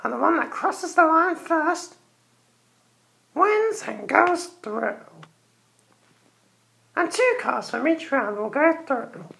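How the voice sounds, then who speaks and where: A woman's voice: sits high, animated, takes it slowly, creaky, pauses often, fairly bright tone. A woman hosting a Halloween toy car race in a theatrical, teasing way, cackling between lines. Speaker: host.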